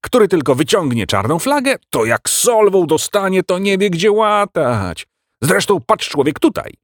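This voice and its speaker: A man's voice: high voice, sing-song, measured pace, dry recording, clean studio sound, pitched above the performer's own voice. A man voicing a boisterous, boastful old male admiral, a furry beaver-like creature who whistles through his big front teeth. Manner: loud, exclaiming, boastful.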